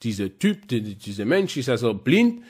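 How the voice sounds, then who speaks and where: A man preaching a sermon, halting with many restarts and repeated words, breaking in with "Halleluja". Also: medium pitch, very animated, darkish tone, breathy edge. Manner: punctuates with "Halleluja".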